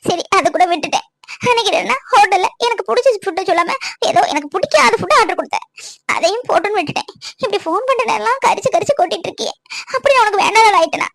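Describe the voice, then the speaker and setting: Girl doing a hurt young gf voice, super high, talks fast and pleads. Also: animated, gravelly, fairly bright tone, dry recording, exaggerated voice. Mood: tearful. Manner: complaining, pleading. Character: lonely young girlfriend, tearful and pleading.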